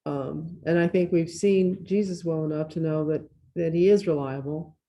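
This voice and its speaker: A church class member speaking haltingly, searching for words. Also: medium pitch, steady tone, dark tone, dull audio, a little hiss or hum. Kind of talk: casual group discussion.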